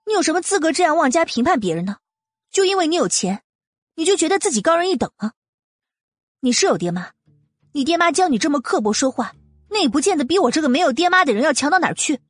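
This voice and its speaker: A man voicing an indignant, proud young wife in an audiobook, firing off rapid, heated retorts. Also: very high-pitched, sing-song, a bit bright, no room sound, voice pushed up, heavily acted. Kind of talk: audiobook character voice. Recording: dry close mic with faint music.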